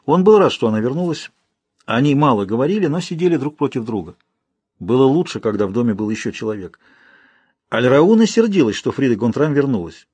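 A male audiobook narrator with a husky voice and a measured, steady delivery. The recording is dry and close, with no room sound. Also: medium pitch, no echo. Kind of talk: scripted narration.

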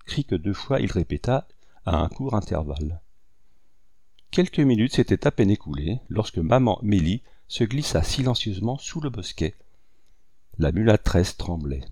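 A man reading a novel aloud in a measured, even narration. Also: fairly low pitch, no room sound. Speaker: audiobook narrator. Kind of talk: scripted literary narration.

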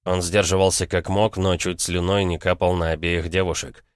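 Low-voiced man reading an audiobook. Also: level tone, moderate pace, no echo, clean studio sound. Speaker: audiobook narrator. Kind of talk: scripted fiction narration.

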